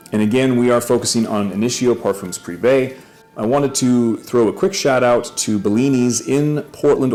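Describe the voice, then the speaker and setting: A man's voice: lowish voice, darkish tone. A man hosting his own channel, giving a casual, upbeat first-impressions review and correcting himself as he goes. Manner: chatty, self-correcting, upbeat. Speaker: fragrance reviewer.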